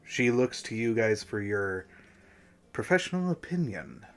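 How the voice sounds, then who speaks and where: A man running a tabletop game as game master, halting with many fillers and clearing his throat, losing his voice a little. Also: medium pitch, sing-song, soft background music.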